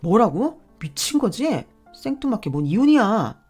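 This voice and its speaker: A woman's voice: fairly low pitch, big pitch swings, a little fast, a little mellow, soft background music. A woman voicing a brash, entitled young husband who talks back defensively and dismissively. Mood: indignant.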